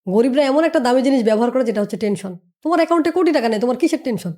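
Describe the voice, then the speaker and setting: Fast, emphatic woman mentor. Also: fairly high pitch, lively intonation, darkish tone. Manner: emphatic, repetitive lecturing with rhetorical questions. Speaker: business mentor. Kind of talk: motivational podcast talk.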